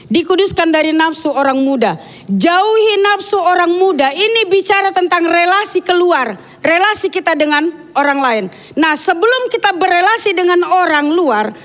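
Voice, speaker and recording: A woman's voice: extremely high pitch, fairly bright tone. A woman giving a sermon in a church, talking frankly and chattily, with many asides to the congregation. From Dayak. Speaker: preacher.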